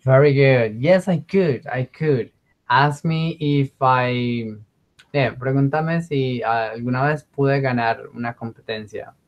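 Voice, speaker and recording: A man teaching English informally online, explaining grammar and often checking in with a quick okay. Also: mid-range voice, dull audio. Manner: frequent check words like okay; switches between English and Spanish. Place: online class with screen share.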